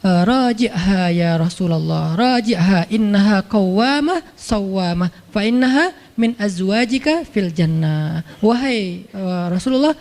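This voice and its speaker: A male preacher voicing a solemn angel messenger who delivers a message slowly and gravely. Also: high-pitched, lively intonation, a little mellow, voice pushed down. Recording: long hall reverb.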